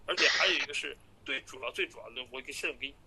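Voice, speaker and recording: A man on a phone call, explaining and reassuring a client as an agent, halting and repeating his words. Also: medium pitch, crowd noise. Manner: halting and repetitive, stammering over words. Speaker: immigration and study-abroad agent. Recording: noisy recorded phone call.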